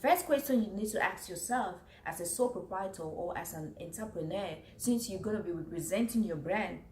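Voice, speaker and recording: This Cameroonian woman talks casually to camera about business tips, fairly quickly, in a mid-range and slightly mellow voice. Earnest in tone, she reads from notes and restates her points. Her room echoes, and faint noise is audible behind her.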